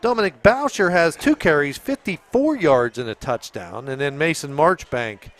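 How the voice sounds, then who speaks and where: A man commenting on a local high school football game, reading off stats in a friendly way. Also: lively intonation, moderate pace. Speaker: sports commentator.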